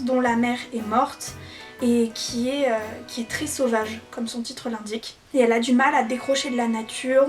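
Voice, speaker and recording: Chatty high-voiced young woman. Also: recorded from a distance. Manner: chatty and enthusiastic, with frequent fillers. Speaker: book vlogger. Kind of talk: casual book recommendations. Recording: voice a little off-mic, faint music behind.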